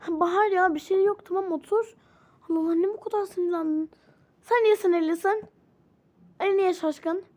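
High-voiced woman role-playing a doll game. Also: normal speed, pauses often, a little mellow. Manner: switches between characters, exclaims often. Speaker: channel host playing all characters.

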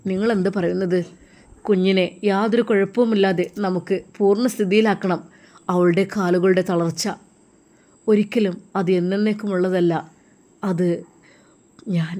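A woman's voice: mid-range voice, warm tone, close to an everyday voice. A woman voicing an earnest young man, talking in a pleading, heartfelt way.

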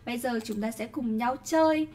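A woman with a Vietnamese accent teaches an English class online in a high voice. She pronounces English words slowly and deliberately, then speeds up when she explains. She keeps checking in with her students as she goes. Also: darkish tone.

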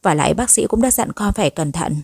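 A soft, pleading young pregnant wife, read by a woman narrator. She speaks politely and patiently, in a close, dry recording. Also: fairly low pitch, lively intonation, fast talker, vocal fry, breathy edge, no room sound, exaggerated voice.

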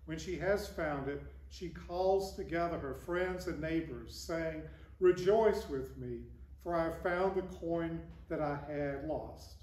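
Captured from a distance in a big, echoey wooden church with stained-glass windows, an older man who is a priest reads from the gospel and preaches conversationally, gesturing broadly. He speaks slowly in a fairly high, slightly mellow voice.

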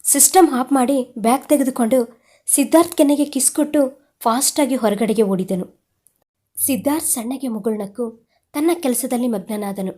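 Woman storyteller, scripted story narration, slightly high voice, mellow tone, steady expressive reading. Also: moderate pace.

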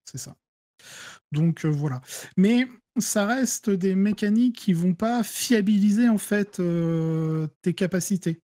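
A French-accented man talking through strategy for a tabletop wargame in a relaxed, mellow voice. He explains things step by step, trailing off into fillers and restarting his sentences. The sound is dry and close. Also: high voice, slow, no room sound. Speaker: guest player. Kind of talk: casual gaming discussion.

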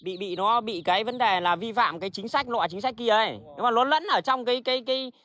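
Man, high voice, rapid rambling livestream chat, blunt and swearing, dry close sound. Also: bright, forceful tone. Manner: blunt, rambling, swears freely, many restarts. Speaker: livestream host selling plants.

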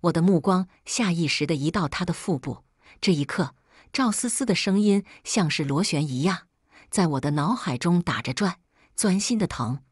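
A woman narrates a first-person drama story in a low, breathy voice with a measured, even delivery. The recording is dry and close, with no room sound. It reads like an audio storybook. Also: no room sound.

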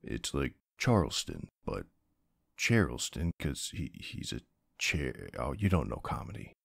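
A man's voice: a bass voice, big pitch swings, measured pace, creaky, husky, no echo, clean studio sound, heavily acted. A man playing a young streamer boyfriend in a role-play, chatting casually in a playful, teasing, easily flustered and affectionate way. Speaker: roleplay voice actor.

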